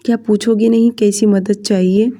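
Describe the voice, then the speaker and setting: A woman's voice: mid-range voice, level tone, normal speed, dark tone, natural voice. A woman narrator voicing a worried middle-aged father who hesitantly asks for help in an audiobook story. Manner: hesitant, pleading.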